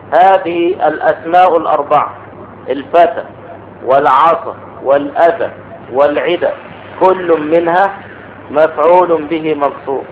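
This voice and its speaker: A man teaching an Arabic grammar lesson, explaining step by step and asking the class questions. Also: a little high. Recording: tinny phone-like recording with faint noise.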